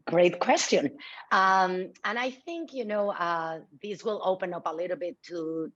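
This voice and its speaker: A woman's voice: on the low side, unhurried, a bit bright, muffled recording. A middle-aged woman from Mexico City with a Mexican accent, the guest of a virtual fireside chat, talking reflectively with many fillers. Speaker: guest speaker.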